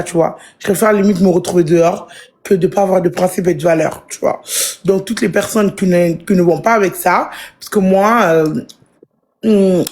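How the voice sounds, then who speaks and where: A woman's voice: fairly low pitch, darkish tone. A woman streaming live who talks straight to her supporters. She thanks them, rallies them, and explains her principles in an earnest, casual way.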